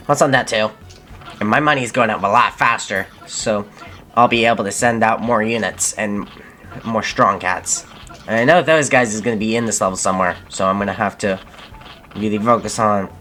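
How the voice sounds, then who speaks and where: A man's voice: on the low side, moderate pace, pushed and bright. A young man giving casual gameplay commentary as a channel host, thinking aloud and correcting himself mid-sentence. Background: faint game music.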